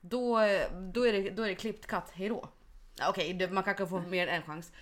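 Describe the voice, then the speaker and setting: A young woman in casual chat, animated and full of fillers, slipping English phrases into her stories. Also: mid-range voice, a crowd in the background. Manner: lots of fillers and restarts.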